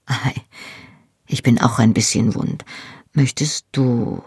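A tender young Scottish husband murmurs low and teasing, as an audiobook reader puts him on. The voice is gravelly and a touch husky, close and dry, with little pitch swing. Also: steady tone, slow pace, dry recording, heavily acted. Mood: intimate, playful. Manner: soft, intimate, often whispered. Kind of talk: audiobook reading.

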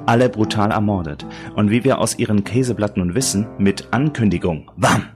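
A man giving steady, dramatic audiobook narration of a crime thriller. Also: lowish voice, normal speed, faint music behind.

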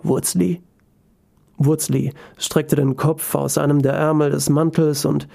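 Male narrator for a storybook read, calm, with a gravelly mellow tone. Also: on the high side, measured pace.

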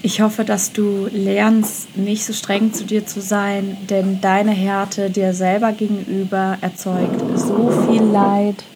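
A woman talks straight to one listener in a self-love pep talk, her voice sitting at an ordinary middle pitch. She is gentle and affirming, circling back to the same phrases and settling them with a quiet "ja". Her delivery feels unhurried and encouraging. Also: level tone, a little hiss or hum. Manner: gentle, affirming, repetitive phrasing with many "ja" fillers; addresses the listener directly as "du". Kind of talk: motivational self-love monologue.

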